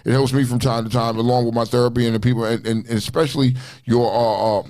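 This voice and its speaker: A man in his late forties hosts a loose, casual chat show. He talks quickly and with emphasis. He keeps circling back to his point with a repeated tag question. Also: mid-range voice, fairly even intonation, darkish tone. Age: 40s. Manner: loose, emphatic, repeats "you know what I mean". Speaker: show host.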